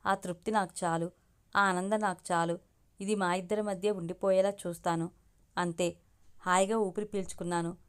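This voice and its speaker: A woman's voice: fairly low pitch, fairly even intonation, moderate pace, pauses often, clear, resonant tone. A woman reading a story aloud as the channel's storyteller, narrating steadily in the first person.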